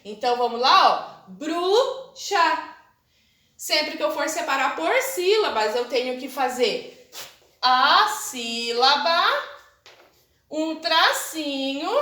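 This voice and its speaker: A woman's voice: high-pitched, a bit bright. A Brazilian woman teaching a recorded video lesson to young children, explaining patiently and drawing out syllables, checking in with "tá?" and "né?". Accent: Brazilian Portuguese. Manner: patient, explains slowly, syllables drawn out, frequent "tá?" and "né?". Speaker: primary school teacher. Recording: very echoey room.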